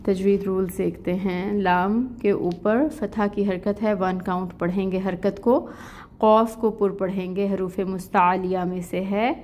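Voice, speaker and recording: A woman with a Pakistani Urdu accent gives an online tajweed lesson, first reciting verses slowly and melodically, then explaining the rules step by step in plain speech. Her voice is medium in pitch, level and somewhat dark, with a slight hiss or hum in the audio.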